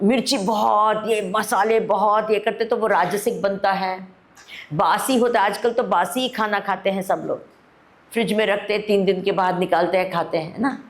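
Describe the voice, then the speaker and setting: Woman swami teaching at a camp, talks real slow, keeps asking the crowd stuff. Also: mid-range voice. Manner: unhurried, asks the audience questions, mixes Hindi and English. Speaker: spiritual teacher. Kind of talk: discourse to a camp audience. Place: spiritual camp hall.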